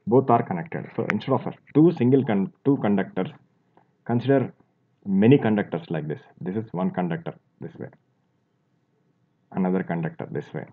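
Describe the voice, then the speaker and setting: A man teaching a physics lesson, explaining step by step as he draws, with fillers and restarts. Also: low-pitched. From India. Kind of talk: classroom lecture while drawing. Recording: tinny phone-like audio.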